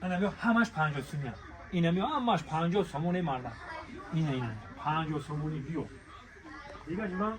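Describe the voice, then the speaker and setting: A man's voice: sits high, rough recording. A man with a Tajik accent giving spontaneous, repetitive sales patter like a bazaar merchant, calling people to come, look and buy. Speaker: shop promoter presenting clothing deals. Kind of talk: spontaneous sales patter on a shop walk-through. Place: inside a large clothing shop. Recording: busy crowd noise around the voice.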